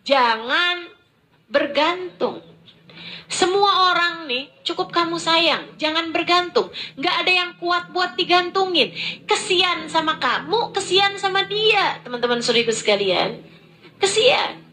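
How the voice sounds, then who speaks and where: High, bright-voiced woman preaching slowly. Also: animated, poor audio. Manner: emotive, with wide swings between soft low phrases and high exclamations; colloquial and addresses the listeners directly. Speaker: Islamic preacher. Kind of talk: sermon.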